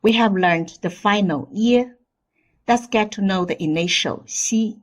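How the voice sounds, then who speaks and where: A woman teaching a scripted language lesson who speaks in slow, deliberate drills with playful asides. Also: mid-range voice.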